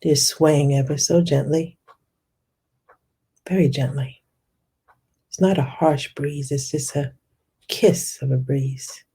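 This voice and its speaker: A meditation guide's husky, medium-pitched voice holds a steady tone as she leads a guided visualization, soft and calming, slowing down to dwell on descriptive words.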